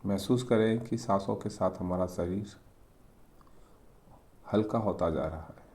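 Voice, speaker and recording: Speaking in a low voice, a man leads a guided meditation. He gives his instructions softly and calmly, in short phrases broken up by pauses.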